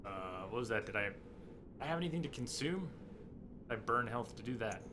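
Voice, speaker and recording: A man giving casual live gameplay commentary as a streamer, haltingly thinking aloud. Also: medium pitch, expressive. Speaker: video game streamer. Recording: noisy, game sound behind voice.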